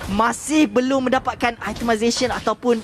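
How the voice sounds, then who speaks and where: A man's voice: very high-pitched, fairly even intonation, fairly quick, a little hiss or hum. A man with a Malaysian accent giving analytical esports caster commentary in wordy, formal phrasing.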